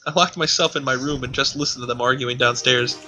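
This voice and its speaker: A man streams himself reading amateur fiction aloud, amused and playing up the drama mockingly, with sarcastic asides thrown in. He speaks a bit fast in a mid-range voice, and music plays behind him.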